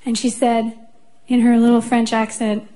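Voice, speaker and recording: Woman singer, slightly high voice, warm-up patter before a song, chatty and amused. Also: level tone, normal speed. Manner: chatty, chuckling, personal anecdotes. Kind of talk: on-stage song introduction. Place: concert stage.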